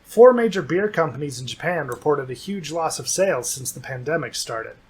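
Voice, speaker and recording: A man co-hosting a comedy news show delivers scripted jokes dryly and teases his co-host playfully in their banter. His voice sits a little high with a breathy edge, expressive at a normal speed.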